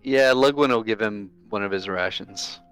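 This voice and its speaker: A man playing a tabletop game, calm and matter-of-fact. His voice sits on the low side and sounds smooth and resonant. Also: normal speed, soft background music. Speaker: player. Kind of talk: casual tabletop game talk.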